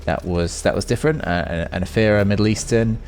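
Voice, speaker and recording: This is casual gameplay commentary from a male host whose voice is fairly low, darkish and quick, rambling and reflecting spontaneously while he plays.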